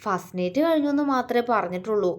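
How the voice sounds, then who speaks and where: Lady doing the young husband in a love story, soft and affectionate, a bit teasing. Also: expressive, fast, close to an everyday voice. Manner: soft, affectionate, low-key. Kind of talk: storytelling dialogue.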